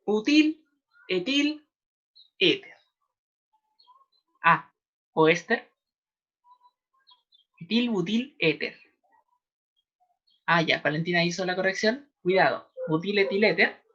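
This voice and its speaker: A woman with a Chilean accent teaches an online chemistry class. She talks patiently and spells terms out slowly for her students. The audio is a little dull and lo-fi. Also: lowish voice, animated, fairly bright tone. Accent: Chilean Spanish. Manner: patient, repeats names slowly, addresses students.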